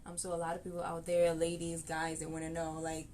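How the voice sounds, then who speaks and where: A woman's voice: low-pitched, completely flat delivery, fairly quick, darkish tone, a little hiss or hum. A woman hosting a talk show, asking questions in a chatty, curious way and laughing easily. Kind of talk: casual interview chat.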